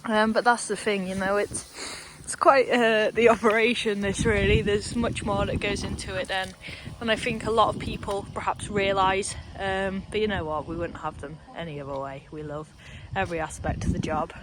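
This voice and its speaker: A woman's voice: medium pitch, fairly even intonation, normal speed. Chatty young woman vlogging outdoors. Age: young adult. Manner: chatty, rambling, joking asides. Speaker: vlogger at a horse yard. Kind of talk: casual vlog narration. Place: outdoor stable yard. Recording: outdoor background noise.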